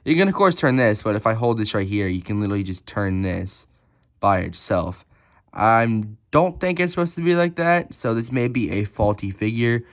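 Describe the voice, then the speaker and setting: A man's voice: lowish voice, sing-song, moderate pace. Chatty man reviewing toys, filler-heavy. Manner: critical, picky about flaws. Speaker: toy reviewer. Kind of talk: casual unboxing review.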